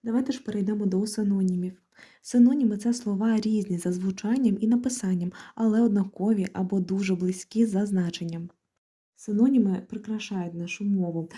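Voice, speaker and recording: A young woman explaining grammar in a clear, lightly joking lesson. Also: mid-range voice, warm tone. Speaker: Ukrainian language tutor. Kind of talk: exam-prep lesson.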